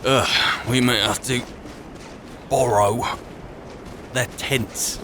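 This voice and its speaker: A man with a mid-range, steady voice speaks very slowly, roleplaying a wary adventuring wizard in video game commentary and musing to himself in short phrases. Game ambience is clearly audible in the background.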